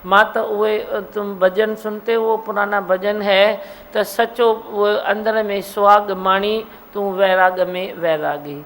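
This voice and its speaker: A woman's voice: mid-range voice, fairly even intonation, takes it slowly, a bit bright, slight background noise, rough recording. A woman, a spiritual teacher giving an exhorting devotional discourse at a live gathering. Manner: exhorting, repetitive, quotes devotional verses. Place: satsang hall.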